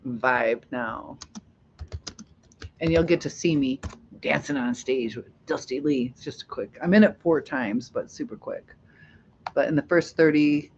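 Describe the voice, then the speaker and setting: A middle-aged woman from Ohio whose voice sits low hosts a casual livestream, rambling, chatting and often laughing as she goes through comments. The dull, lo-fi audio carries slight background noise.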